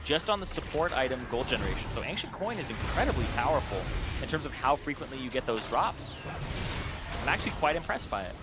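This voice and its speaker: A man's voice: mid-range voice, very animated, quick pace, loud music behind the voice. A man giving analytical, joking color commentary on a live esports match. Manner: analytical, joking, laughs often.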